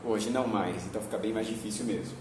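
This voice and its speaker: A man's voice: fairly low pitch, steady tone, fast. A man with a Brazilian accent giving a video lesson as a Portuguese teacher, explaining patiently and often adding tag questions. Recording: very echoey room, voice from far off, faint noise.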